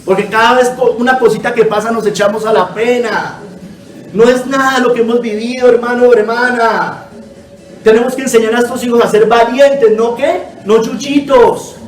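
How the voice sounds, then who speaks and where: A man delivers a sermon as pastor, pleading earnestly and addressing his congregation as brothers and sisters. His voice sits high for a man. The sound is roomy and echoing, caught from some distance from the mic. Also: fairly even intonation, normal speed. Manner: earnest exhortation, constantly calling listeners brother. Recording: echoey room, voice from a distance.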